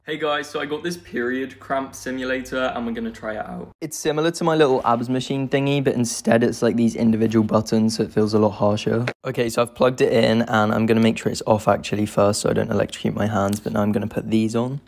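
A man's voice: mid-range voice, steady tone, quick pace, creaky, darkish tone. A young man talking casually to camera as he tries out a gadget at home. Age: young adult. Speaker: social media creator trying a gadget.

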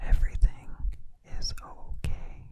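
Young adult male for whispered ASMR pep talk: soft dark breathy whisper, soothing, repeated reassurances, close mic. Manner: soothing, repetitive, drawn-out phrases. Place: small dim indoor room. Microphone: studio microphone close to the mouth, binaural.

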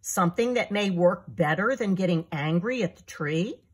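A woman voicing a calm, patient male owl who asks gentle questions in a children's storybook. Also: lowish voice, moderate pace, husky.

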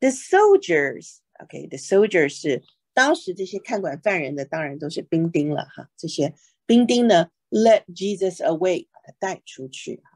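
Breathy, low-voiced woman teaching Bible English. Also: very animated, darkish tone, dry recording. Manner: reads English verses slowly, then explains; explanatory, frequent "OK" and "哈" fillers. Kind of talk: bilingual Bible lesson.

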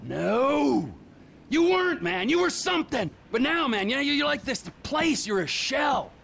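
Trevor, a ranting unhinged criminal. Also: male voice, medium pitch, expressive, moderate pace, slightly rough. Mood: furious. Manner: explosive, ranting, swears constantly. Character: unhinged violent middle-aged male criminal. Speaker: volatile criminal character. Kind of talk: video game cutscene acting.

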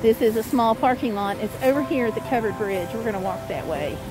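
With a slightly high voice and a somewhat quick pace, a middle-aged woman gives an informal nighttime tour of small-town streets as a travel vlogger. She reads signs aloud and points out sights, music playing behind her, captured on a handheld camera at arm's length.

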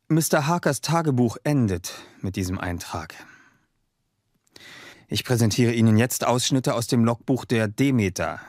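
A man's voice: medium pitch, no echo, lightly acted. Doctor Seward, formal narrator in dry sound male actor. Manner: formal, measured announcing. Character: formal young doctor presenting documents as narrator. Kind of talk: radio drama narration.

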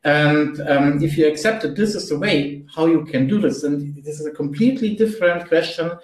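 A man with a German accent speaking as a panelist in a conference discussion over a video call, halting and searching for words. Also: on the high side. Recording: roomy, distant video call audio.

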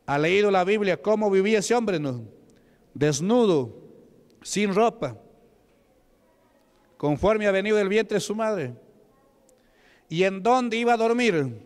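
A man's voice: high-pitched, animated, takes it slowly, pauses often, smooth. A male deacon from Peru preaching a Pentecostal sermon, asking the congregation questions and answering them himself, punctuating with hallelujahs. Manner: punctuates with "aleluya". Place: church hall. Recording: reverberant church hall.

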